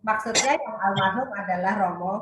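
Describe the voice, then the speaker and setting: A woman's voice: medium pitch, a little fast, a bit bright. A woman leading an online writing workshop, asking questions and explaining how a sentence can be read. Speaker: writing trainer. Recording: echoey room, faint noise.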